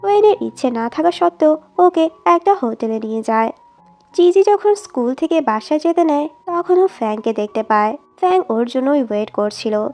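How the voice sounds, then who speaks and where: Woman with a high voice doing a steady drama recap narration, faint music underneath. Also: moderate pace. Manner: steady storytelling read, quoting each line of dialogue. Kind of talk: scripted narration of a drama plot.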